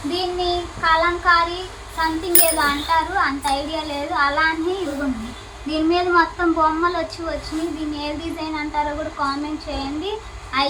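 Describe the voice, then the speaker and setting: A soft-spoken woman with an Andhra Telugu accent showing clothes for sale in a casual, chatty way. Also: very high-pitched, background noise. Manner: soft-spoken, repeats filler words. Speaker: shop owner selling nighties. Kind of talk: casual product showcase. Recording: faint ambience, mic at a distance.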